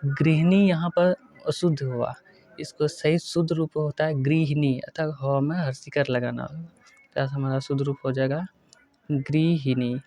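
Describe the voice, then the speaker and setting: Methodical male teacher, slightly high. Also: steady tone, mellow. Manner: methodical, repeats each correct spelling slowly. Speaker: Hindi grammar teacher. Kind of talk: exam-prep lesson.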